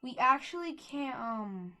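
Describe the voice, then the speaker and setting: A woman's voice: high-pitched, animated, a little slow, sharp tone. A woman giving casual, rambling game commentary on a headset mic, full of fillers and restarts, with a lo-fi sound. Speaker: gameplay video maker.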